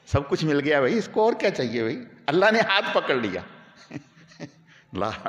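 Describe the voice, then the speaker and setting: Animated preacher man in echoing hall. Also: fairly low pitch, highs cut off. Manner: animated storyteller, rising to emotional peaks. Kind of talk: weekly sermon storytelling. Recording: long hall reverb.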